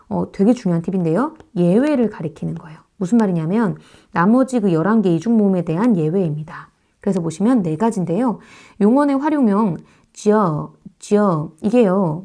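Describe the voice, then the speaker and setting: Female lecturer, mellow tone, patient, demonstrates sounds aloud, talks straight to students. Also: mid-range voice. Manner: explains slowly, repeats sounds to demonstrate pronunciation; addresses students directly, checks understanding. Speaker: Korean grammar teacher. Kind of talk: online lecture.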